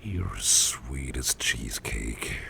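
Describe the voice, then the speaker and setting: A man plays an ailing boss for an ASMR roleplay, using an animated, full character voice that is extremely deep, gravelly and crackling, in a breathy half-whisper. Slow, hesitant and tender, he sounds thankful, a little self-mocking and folksy, with a cosy, affectionate mood. Clear noise and a soft ambience are audible in the background.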